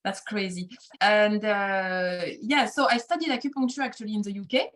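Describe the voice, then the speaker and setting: A woman's voice: mid-range voice, normal speed, a bit bright. A middle-aged woman from France with a French accent, chatting as an interview guest, with lots of fillers and easy laughter. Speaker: guest, facial cupping practitioner. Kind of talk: casual interview chat.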